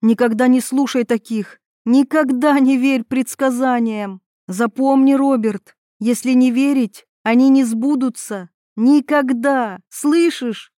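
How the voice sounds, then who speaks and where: A woman voicing a frightened, angry mother who speaks in a sharp, urgent way, close to shouting. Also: high voice, fairly even intonation, slow pace, no room sound, voice pushed up. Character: frightened, angry mother protecting her son.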